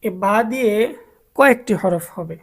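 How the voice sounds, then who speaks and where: A woman's voice: mid-range voice, animated, husky. A woman teaching Arabic letters to adult learners as a Quran teacher, drawing out each letter name and repeating it for the class to echo. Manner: drawn-out, repeated letter names for students to echo.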